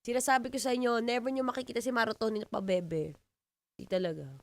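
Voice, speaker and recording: A woman in her twenties with a Filipino accent and a deep voice, hosting a live radio show and chatting playfully with listeners. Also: fairly even intonation, quick pace, no room sound. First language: Tagalog. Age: 20s. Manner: playful, teasing, laughs often. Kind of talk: live radio chat reading comments. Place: radio studio.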